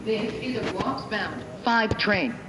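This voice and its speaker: A woman's voice: mid-range voice, expressive, takes it slowly. Echoey female transit announcement over train speakers. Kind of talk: scripted public transit announcement, like airport announcements. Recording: echoey, distant train speaker, clear rail noise.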